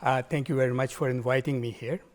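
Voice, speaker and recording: A man, answering interview questions in a measured, formal way as a political candidate. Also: mid-range voice, fairly even intonation. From Pakistan.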